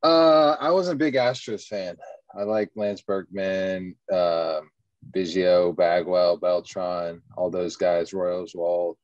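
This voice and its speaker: Deep-voiced laid-back man. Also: fairly even intonation, takes it slowly, darkish tone, dry recording. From Texas, USA. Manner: easygoing, rambling, many ums and you-knows. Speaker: professional baseball pitcher, guest. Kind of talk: casual interview answers. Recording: dull, muffled lo-fi sound.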